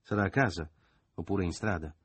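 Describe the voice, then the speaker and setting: Guy reading a furious bossy man, husky, loud and pushy, dry close sound. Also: sits low, brisk, dry recording. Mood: angry. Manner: loud, forceful, barely restrained anger. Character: brutal domineering grown man, furious.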